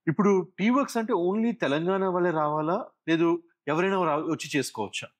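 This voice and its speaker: A man's voice: high-pitched, animated, fast. A man with an Indian Telugu accent asking polite, curious interview questions, mixing Telugu with English. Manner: inquisitive, polite.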